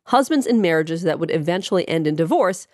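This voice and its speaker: A woman's voice: lowish voice, lively intonation, brisk, no echo, clean studio sound. A woman hosting a scripted advice podcast in a chatty, playful way, her voice froggy and congested as she gets over a cold. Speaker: podcast host, psychologist.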